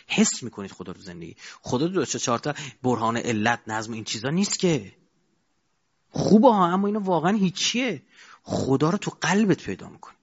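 A man giving a colloquial sermon, asking his audience rhetorical questions and moving between loud and quiet stretches. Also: medium pitch, slightly rough. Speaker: preacher. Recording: dull lo-fi recording.

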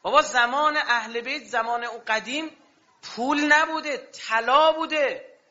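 A man's voice: very high-pitched, sharp tone. A man preaching a sermon with passion, throwing rhetorical questions at his audience. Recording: dull lo-fi recording.

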